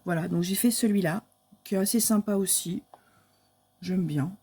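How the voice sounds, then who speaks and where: A woman's voice: on the low side, normal speed, noisy background. A woman, casually showing her month's coloring pages in a chatty, hesitant way with many fillers. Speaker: crafting vlogger. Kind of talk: casual show-and-tell of coloring books.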